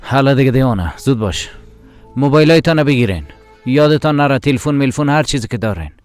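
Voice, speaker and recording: A man with a Tajik accent voicing a hurried young adult son in a dubbed TV drama, brisk and coaxing. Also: medium pitch, expressive, dry recording, faint music behind, close to an everyday voice.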